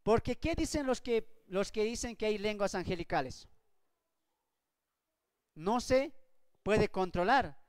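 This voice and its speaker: Man teaching Bible study: high, smooth voice, emphatic and repetitive, hall reverb. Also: expressive, takes it slowly, long pauses. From Bolivia. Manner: emphatic, asks rhetorical questions and repeats points.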